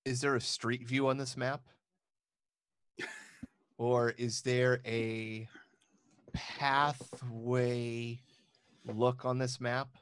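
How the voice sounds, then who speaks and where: A man's voice: mid-range voice, level tone, drawn-out words, long pauses, clear, resonant tone, no room sound. A man playing a tabletop game in a laid-back way. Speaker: player.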